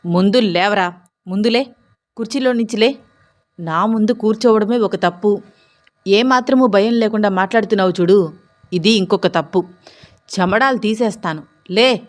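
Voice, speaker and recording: A woman's voice: medium pitch, normal speed, pauses often, natural voice. Woman doing a bullying drunk head constable. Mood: angry. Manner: bullying, mocking, shouting. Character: rude drunk corrupt male head constable.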